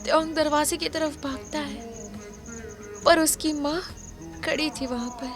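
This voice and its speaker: A woman narrating a dramatic fan fiction story, expressive and unhurried, over background music. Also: high-pitched.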